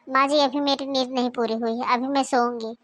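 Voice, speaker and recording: A woman's voice: high voice, steady tone, brisk, natural voice. A woman voicing a lazy, defiant young daughter-in-law in a cartoon, with offhand, cheeky replies. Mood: lazy, rude. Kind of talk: cartoon voice acting.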